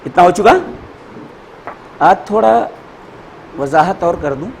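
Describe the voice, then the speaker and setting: A man teaching a grammar class, repeating each word slowly and spelling out letters and vowel marks for his students. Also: high-pitched, expressive, a little mellow, a little hiss or hum, poor audio.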